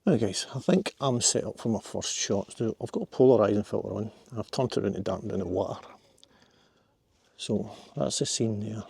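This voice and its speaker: Scottish male photographer, middle-aged, low gravelly voice, casual chatty outdoor vlog. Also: lively intonation, brisk, darkish tone, dry recording. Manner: chatty, talks to himself while walking. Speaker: landscape photographer. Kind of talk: casual vlog narration while hiking. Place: outdoors in riverside woods.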